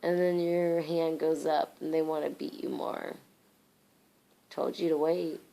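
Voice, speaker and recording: Sleep-talking woman, low creaky drowsy voice. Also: level tone, unhurried, dark tone, poor audio. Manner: drowsy, disjointed, nonsensical rambling. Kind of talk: sleep talking, rambling nonsense to a partner. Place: indoors at home at bedtime.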